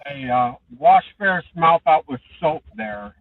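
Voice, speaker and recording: A man's voice: on the high side, lively intonation, no echo. Sex: man. Role: caller. Sound: muffled, as if heard through a wall. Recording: far-off phone line. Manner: halting, many ums and restarts. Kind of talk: call-in sports talk. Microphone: Bluetooth phone headset.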